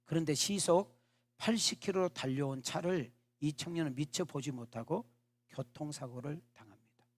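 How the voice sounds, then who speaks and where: A man's voice: a little high, normal speed. A male pastor telling a story in a sermon, with dramatic storytelling that addresses the congregation directly.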